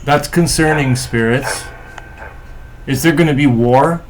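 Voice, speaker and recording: A man hosting a paranormal session, putting short, halting questions aloud to unseen spirits. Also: medium pitch, background noise.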